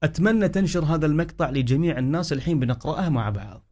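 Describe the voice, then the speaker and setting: A man teaching correct Quran recitation, chanting verses slowly and explaining common mistakes quickly. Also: fairly high pitch, lively intonation, a little mellow. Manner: slow drawn-out recitation between quick spoken explanations; instructive, urging listeners to repeat after him.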